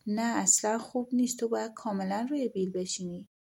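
A woman's voice: a little high, fairly even intonation, creaky, dark tone, husky. Storybook creature: the snake's daughter, voiced by a woman reader, impatient, bossy. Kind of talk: audiobook storytelling.

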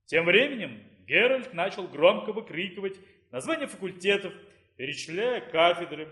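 Expressive man narrating an audiobook. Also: high voice, moderate pace, echoey room.

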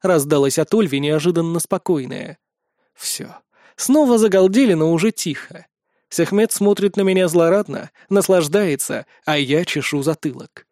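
A man's voice: fairly high pitch, expressive, moderate pace, darkish tone, no echo, studio quality. A man narrating a first-person fantasy audiobook in a wry, sardonic manner.

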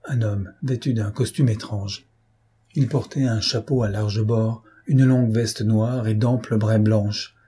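Very husky man reading a novel. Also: fairly low pitch, steady tone, a little slow, dark tone. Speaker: audiobook narrator. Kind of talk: dramatic audiobook reading.

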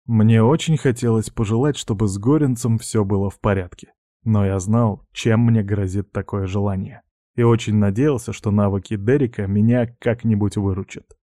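A man narrating an audiobook in a wry, measured storytelling manner. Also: on the low side, fairly even intonation, warm tone, no room sound, studio quality. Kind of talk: audiobook reading.

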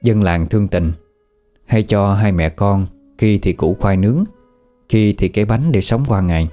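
Male storyteller, very low voice, dark mellow tone, steady somber narration, faint background music. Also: normal speed. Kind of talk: scripted horror story narration.

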